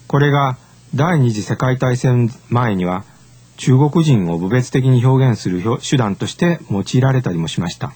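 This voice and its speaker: A man delivers a scripted lecture, laying out each point in a measured, formal way. His voice is slightly husky and sits at an ordinary middle pitch. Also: darkish tone.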